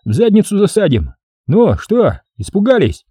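A man's voice: high-pitched, wildly swooping pitch, moderate pace, warm tone, husky, dry recording, clean studio sound, voice pushed up, heavily acted. A man voicing a young, eager male lieutenant who leads his soldiers with bold, conspiratorial talk. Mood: daring.

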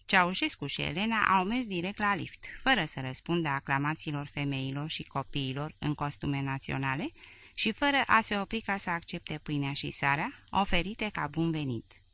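A woman reading a memoir aloud in a measured, clearly articulated narration. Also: low voice, pushed and bright. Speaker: audiobook reader.

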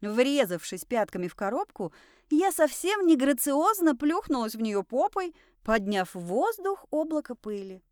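Lively, expressive woman narrating an audiobook. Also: high voice, moderate pace, no room sound, studio quality. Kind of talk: first-person audiobook narration.

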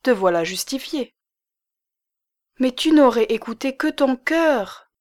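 A woman's voice: high-pitched, animated, slow, voice pushed up. A woman voicing a young coquettish married woman with a pleading, sighing lilt. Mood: plaintive.

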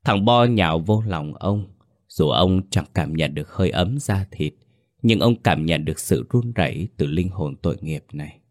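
A man narrating a scripted horror story in a measured, suspenseful way. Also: low voice, expressive, a little mellow, no echo. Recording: dry voice with faint music under it.

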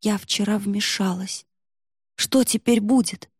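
Brief: an outspoken young heroine, read by a woman, husky, dry close sound. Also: medium pitch, steady tone, slow pace, dry recording.

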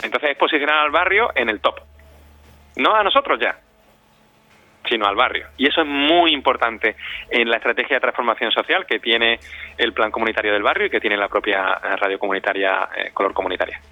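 A man with a medium-pitched voice, talking a little fast, answers interview questions as a community radio director. He's reflective and conversational, often repeating words while searching for phrasing. The recording is dry, with a dull lo-fi sound.

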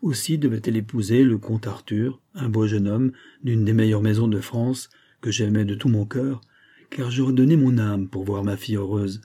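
An old gunsmith worn down by grief tells his own sad story, as a man reads him. His voice is very dark and mellow, with a husky edge, and he speaks in an emotional, confiding way, like a character in a spoken storybook. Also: lowish voice, moderate pace. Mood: grieving. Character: grieving old Genevan gunsmith, tender, despairing.

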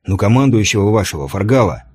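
A man's voice: fairly low pitch, animated, quick pace, a little mellow, breathy edge, pitched below the performer's own voice. A man voicing a loyal, plain-spoken palace guard sergeant who talks in a coaxing, colloquial way. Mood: blunt.

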